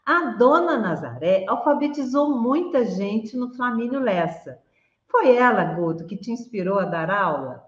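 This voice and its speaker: A woman's voice: a little high, big pitch swings, a little slow. Chatty woman host, roomy lo-fi call. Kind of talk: casual interview over video call. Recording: roomy, dull lo-fi video call audio.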